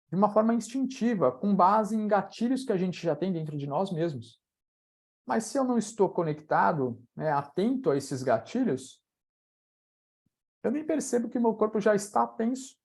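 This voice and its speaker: A man's voice: sits high, a little mellow. A Brazilian man mentoring a live online audience, talking casually and walking listeners through exercises with frequent tag questions. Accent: Brazilian Portuguese. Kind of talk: live online coaching talk.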